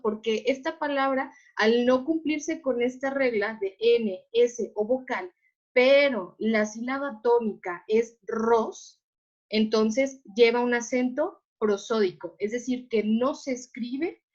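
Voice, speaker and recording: A woman with a fairly high voice leads an online class, patiently explaining and pausing again and again to ask if everyone is following. The sound is slightly dull and lo-fi, as over a video call. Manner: patient, checks understanding with repeated questions. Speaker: teacher.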